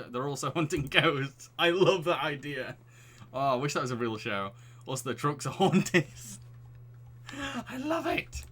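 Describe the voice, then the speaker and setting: A man's voice: mid-range voice, fairly bright tone. A man streaming a game, chatting restlessly with his viewers, laughing often and reading the story aloud.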